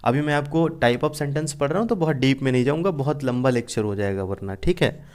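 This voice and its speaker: Young male teacher, lively classroom explainer, acts out his examples. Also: medium pitch, fairly quick. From India. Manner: explains by repeating and asking questions back. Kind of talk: classroom grammar lesson.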